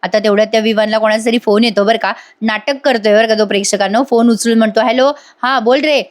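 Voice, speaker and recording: A woman's voice: mid-range voice, level tone, fast talker, a little mellow. A woman hosting a casual voice-over recap of a TV serial, chatting directly with viewers. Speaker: serial review host.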